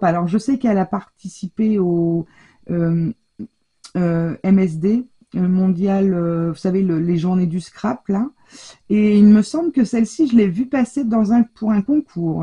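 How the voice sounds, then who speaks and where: A mellow, mid-range female voice belongs to a craft-channel host chatting casually as she opens her mail. She gushes over every card, filling the gaps with many little fillers. She's at home in her craft room with the shutter half closed, recorded by an overhead table camera.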